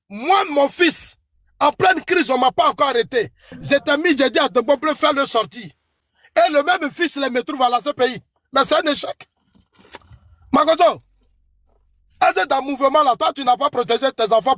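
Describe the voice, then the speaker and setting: High-pitched husky Ivorian man debating. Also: fairly bright tone, dry recording, clean studio sound. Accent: Ivorian French. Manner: accusatory, repeatedly calling out his opponent by name; preachy warnings invoking God. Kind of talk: heated political debate.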